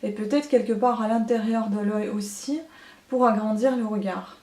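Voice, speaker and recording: A woman's voice: medium pitch, steady tone, moderate pace, darkish tone. Chatty woman in an echoey room. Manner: chatty, many hesitant fillers. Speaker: beauty vlogger. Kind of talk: casual makeup haul chat.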